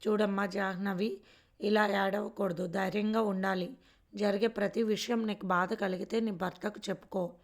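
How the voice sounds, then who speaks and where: A woman reading a story aloud, voicing a kind elder sister-in-law who gives soft, soothing advice. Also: medium pitch, steady tone, moderate pace, lightly acted. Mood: gentle.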